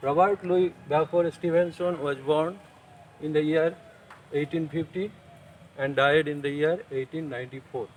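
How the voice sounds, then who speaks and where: Male teacher with a Bengali accent, slow and careful lecture delivery, faint hiss behind. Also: fairly high pitch, steady tone, rough recording. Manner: slow, deliberate explaining, mixing English with Bengali. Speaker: school English teacher. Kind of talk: online class lecture.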